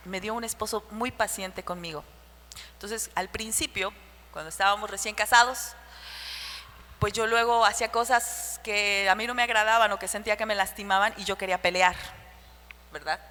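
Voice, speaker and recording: A woman preaching a sermon to the women of her church, with a shrill voice, sharing personal stories and asking the listeners rhetorical questions. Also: fairly even intonation, normal speed, pushed and bright. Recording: church hall reverb with faint hum.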